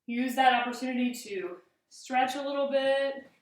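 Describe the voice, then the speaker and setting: A woman with a fairly high voice instructs a fencing exercise step by step. She is recorded at some distance from the microphone, and the room echoes heavily around her words. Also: normal speed, slight background noise. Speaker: fencing coach. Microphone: camera at a distance.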